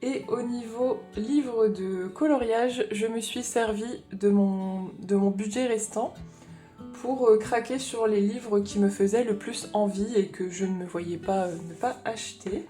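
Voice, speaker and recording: A woman's voice: mid-range voice, measured pace, warm tone, faint music behind. A woman chatting casually in a haul vlog, explaining her craft supplies as she thinks aloud. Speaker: craft vlogger.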